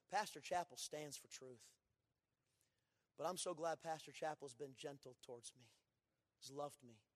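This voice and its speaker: A man in his forties preaching a sermon in a church, telling folksy stories and swinging from loud to hushed. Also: sits high. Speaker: pastor. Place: church sanctuary. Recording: long church reverb.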